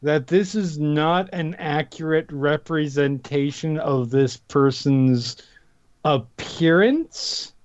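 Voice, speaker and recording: A man's voice: a little high, slow pace, a little mellow, dry recording, muffled recording. A man playing a tabletop roleplaying game, chatting casually in a hesitant, wry way with some swearing.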